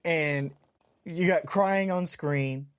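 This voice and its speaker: A man co-hosting a casual podcast, with a notably high voice for a man. He talks earnestly and often repeats words while working toward a point. The sound is close and dry. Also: slow pace, smooth, dry recording. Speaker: podcast co-host. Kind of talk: casual chat.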